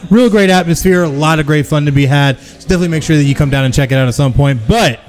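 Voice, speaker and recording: A podcast host in his thirties runs a live, casual sports talk show from a taproom, upbeat and joking as he promotes the venue. He talks fast in a fairly high voice into a stand mic with a pop filter.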